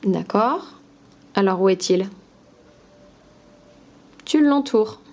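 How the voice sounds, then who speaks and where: Slow, patient French teacher woman. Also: medium pitch, lively intonation, a little mellow, highs cut off. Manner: slow, patient, sing-song teacher talk to a child. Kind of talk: phonics lesson for young children.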